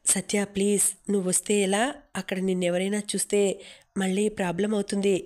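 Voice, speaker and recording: Woman doing a sweet young woman in a story, gentle, flat-ish. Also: medium pitch, fairly quick, close to an everyday voice. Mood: scolding. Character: young woman, warm birthday girl.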